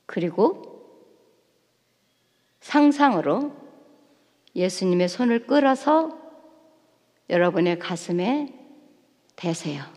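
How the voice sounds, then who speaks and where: A woman giving a church seminar on relationship psychology, lively and acting out spouses' lines in quoted voices. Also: a little high. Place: church sanctuary. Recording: long hall reverb from a church.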